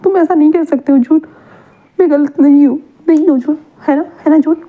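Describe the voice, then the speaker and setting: A woman voicing an enraged, vengeful male spirit who insists loudly and repeats his threats. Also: fairly high pitch, steady tone, racing. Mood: raging. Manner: shouting, insistent. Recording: tinny phone-like audio.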